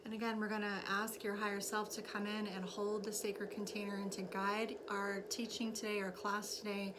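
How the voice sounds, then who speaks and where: A woman teaching a spiritual class and guiding a meditation in slow, deliberate phrases with pauses. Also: mid-range voice, flat delivery. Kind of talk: guided meditation and spiritual instruction. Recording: clearly noisy recording with background ambience.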